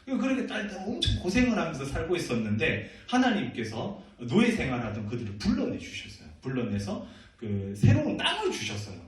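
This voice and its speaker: Playful pastor, lively pitch, echoey hall. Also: male voice. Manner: playful, asks the youth questions, laughs often. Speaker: senior pastor. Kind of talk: youth sermon. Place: church hall. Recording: echoey room, from a distant mic.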